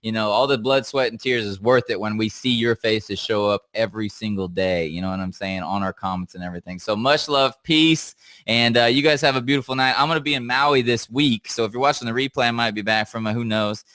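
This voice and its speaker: Bright, crisp-voiced hyped-up male streamer. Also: mid-range voice, fairly even intonation, a little fast, no room sound. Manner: hyped and giggly, keeps breaking into laughter. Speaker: livestream host. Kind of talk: casual live-stream sign-off chat.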